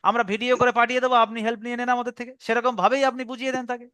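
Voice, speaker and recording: A man's voice: very high-pitched, little pitch movement, rapid-fire, fairly bright tone, clean tone, dry recording. A man teaching a Quran reading class over an online call, drilling pronunciation by repeating words.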